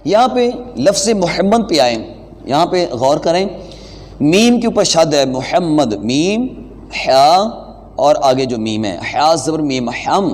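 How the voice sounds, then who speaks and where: A man teaching an online lesson, patiently explaining pronunciation and reciting slowly and deliberately. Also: fairly high pitch, lively intonation, darkish tone. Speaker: religious teacher. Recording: long hall reverb.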